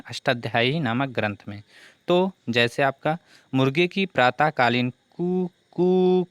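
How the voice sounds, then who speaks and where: A man's voice: mid-range voice, fairly bright tone, no echo. A man teaching a grammar lesson for exam preparation who keeps asking questions and answering them himself.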